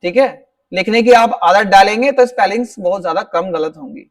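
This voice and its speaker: A male teacher, his voice sitting high and far from the mic, gives a classroom-style spelling lesson. He explains step by step and slowly, often using tag questions to make sure his students follow.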